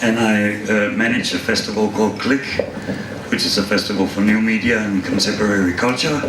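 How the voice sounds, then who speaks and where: A man from Denmark introduces himself as a festival manager, in a lowish voice with a few pauses. He is far off-mic in a reverberant hall with audible noise. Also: steady tone. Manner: hesitant, with fillers. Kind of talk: self-introduction on a panel. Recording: echoey hall, distant, noisy.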